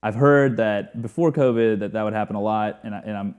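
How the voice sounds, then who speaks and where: A young man from Houston, a guest on an interview show, talking in a measured, hesitant way. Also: fairly low pitch, darkish tone, smooth, muffled recording. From Houston, Texas. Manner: measured, hesitant, with restarts and fillers. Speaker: guest, sports team lawyer. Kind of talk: casual interview chat.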